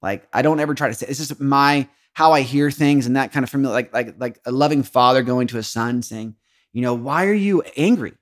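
A man at an easy middle pitch talks through scripture like he's chatting with friends. He drops casual slang, laughs a lot, and throws himself into the voices of the people he quotes. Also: fairly even intonation, fairly quick. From Texas. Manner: laid-back slangy talk, laughs often, acts out quoted lines. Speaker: podcast host. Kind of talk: casual devotional Bible talk.

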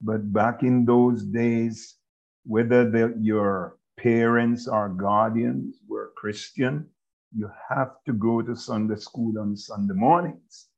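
A Jamaican man in his sixties, a bishop speaking as an interview guest, in a measured, halting way with many pauses. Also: mid-range voice, fairly even intonation, vocal fry, a little mellow, dull audio. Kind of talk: casual interview talk.

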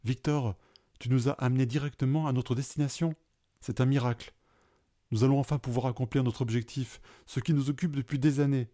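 A man's voice: medium pitch, fairly even intonation, brisk, warm tone, close to an everyday voice. A man reading a story aloud, voicing an eccentric professor who swings from hesitant to grandiose. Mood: overjoyed. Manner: hesitant, then exalted and solemn.

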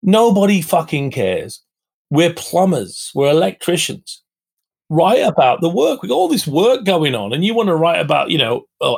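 A middle-aged man with a husky, breathy voice sitting a little high for a man. He talks bluntly and profanely, full of conviction, as a guest on a podcast interview. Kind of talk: candid interview talk.

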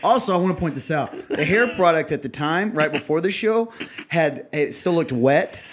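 A young man co-hosts a chatty podcast. His voice sits a little high and swings widely in pitch. He teases his friend and laughs easily. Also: normal speed. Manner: animated, laughing, teasing. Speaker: podcast co-host. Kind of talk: casual chat.

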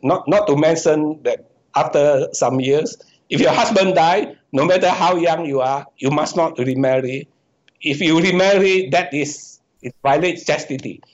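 Halting professor with a muffled sound. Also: male voice, a little high. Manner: halting, self-correcting, explaining step by step. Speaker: economics professor, guest. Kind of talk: answering questions in a podcast interview. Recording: dull, muffled lo-fi audio.

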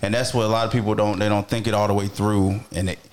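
A low-pitched man co-hosting a casual podcast. He chimes in agreeably and then works through his thoughts in plain, relaxed talk. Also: fast, slight background noise. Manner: agreeable, says "right" often, reflective.

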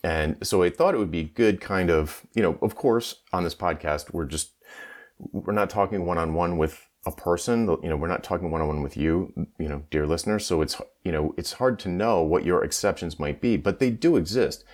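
A man's voice: sits low, moderate pace, darkish tone. A man hosting a podcast in casual, informal talk, often acting out quotes, sounding like he is talking through a tin can on the wrong microphone. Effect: tinny tin-can sound from wrong microphone. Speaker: podcast host.

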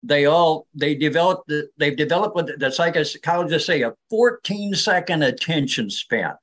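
A man's voice: fairly high pitch, animated, moderate pace, a bit bright. An older man speaking as an interview guest, explaining things in an earnest, persuasive way. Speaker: interview guest, reading advocate.

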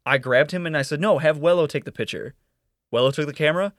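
A man's voice: a little high, fast talker, dry recording, clean studio sound. A young man co-hosting a podcast, telling party stories in casual chat and acting out what others said. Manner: animated storyteller, acts out quotes. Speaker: podcast co-host.

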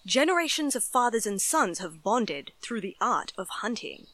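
A woman acts out a storybook father, eager and a little dismissive of worries. The delivery is hearty and coaxing, with a bright, forceful edge. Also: a little high, big pitch swings, normal speed, pitched above the performer's own voice. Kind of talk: acted dialogue in a horror storybook reading.

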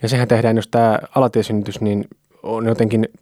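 A man's voice: lowish voice, dry recording, clean studio sound. A man co-hosting a podcast, telling stories bluntly and with jokes in a casual chat. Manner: joking, blunt, animated storytelling. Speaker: podcast co-host.

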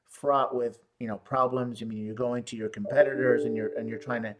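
A man's voice: mid-range voice, fairly even intonation. A man who runs a law firm, telling stories in an interview, with lots of restarts and fillers. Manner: halting, many restarts and fillers. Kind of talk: conversational storytelling. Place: San Luis Obispo area.

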